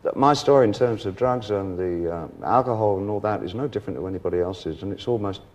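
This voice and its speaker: A middle-aged man talking as a guest on a television talk show, telling lively anecdotes, laughing often and acting out other people's voices. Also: lowish voice, quick pace. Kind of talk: casual anecdotal interview chat.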